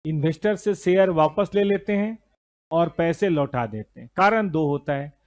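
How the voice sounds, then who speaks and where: Lively man teaching a class. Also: a little high, moderate pace. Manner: lively, scolding students, mixes Hindi and English terms. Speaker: accounting teacher. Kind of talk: classroom lecture.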